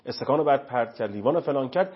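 A man's voice: medium pitch, lively intonation, slightly rough. A man speaking as a counselor on a talk show, earnest and emphatic, lecturing. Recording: dull lo-fi recording.

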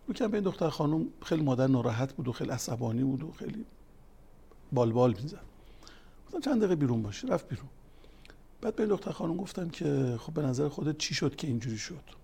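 A man's voice: fairly high pitch, expressive, gravelly, mellow, breathy edge. A man giving a religious talk, weaving counseling stories and scripture quotes, growing emphatic as he goes. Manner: storytelling, quoting scripture, grows emphatic. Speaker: family counselor and religious speaker.

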